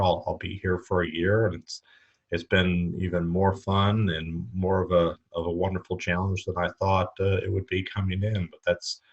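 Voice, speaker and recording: A middle-aged retail educator from the Chicago suburbs appears as a guest on a conversational podcast interview, speaking thoughtfully and often repeating words as he restarts phrases. His voice sits low, and the audio is dull.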